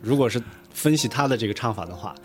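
A man's voice: mid-range voice, animated, fast talker. A man from Lanzhou, a guest pronunciation coach, explaining things in a casual podcast chat with a patient, teacherly manner. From Lanzhou, China.

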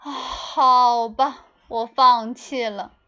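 A woman's voice: sits high, lively intonation, slow, fairly bright tone, muffled recording, faint music behind, full character voice. A woman voicing a blustering male school principal in a children's storybook. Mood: defeated. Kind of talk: storybook character voice.

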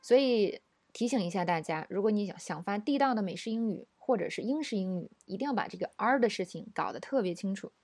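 Female pronunciation teacher, middle pitch, dry close sound, patient explaining and clear model words. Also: animated, quick pace, a little mellow, no echo. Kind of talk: recorded language lesson.

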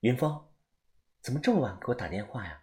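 Calm woman healer put on by a narrator, quiet, low, unhurried. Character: woman healer on a faint phone line. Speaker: traveling doctor.

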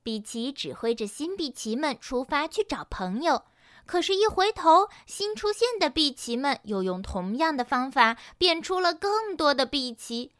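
A woman teacher narrating a children's story, acting out the characters with lively energy. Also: high-pitched, normal speed, no echo, clean studio sound.

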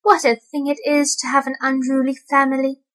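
A woman's voice: sits high, little pitch movement, fairly quick, a bit bright, pitched above the performer's own voice. Woman doing a fretful tearful mother cat. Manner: fretful lamenting.

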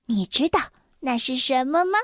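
A young woman reading a children's story aloud, gentle and expressive, speaking directly to the children. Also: high-pitched, moderate pace, no echo, clean studio sound.

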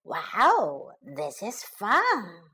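A woman voicing a mischievous, bored young shepherd boy in a children's storybook, speaking slow, drawn-out lines and shouting in mock panic. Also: mid-range voice, wildly swooping pitch, husky, voice pushed down, heavily acted. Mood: gleeful, smug.

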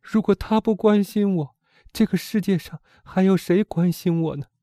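Guy doing a pleading young woman, anguished and imploring, highish voice, mellow and kinda dark, dry close audiobook sound. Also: normal speed, dry recording, natural voice. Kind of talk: audiobook character reading.

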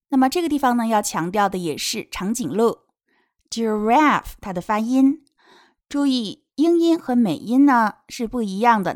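A woman's voice: mid-range voice, no room sound, studio quality. A woman teaching a children's picture book, reading each line aloud and patiently explaining pronunciation step by step. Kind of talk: bilingual read-aloud lesson.

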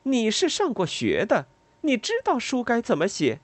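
A bitter, sharp-tongued woman in an audiobook, voiced by the reader, high and wildly swinging in pitch, cutting and resentful. The voice is close and dry. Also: very animated, unhurried, dry recording. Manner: cutting and resentful, breaking into sobs.

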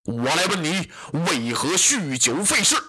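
A man voicing a fiery, short-tempered general who bellows gruff outbursts in a traditional storytelling performance. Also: fairly high pitch, sing-song, a little slow, sharp tone, slight background noise, heavily acted. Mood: stern.

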